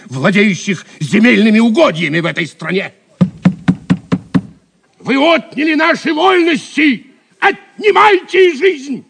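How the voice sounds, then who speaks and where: An actor playing a proud, fiery yet warm-hearted Saxon nobleman in an audio drama, impassioned and declamatory, with a husky voice. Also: extremely high pitch, heavily acted.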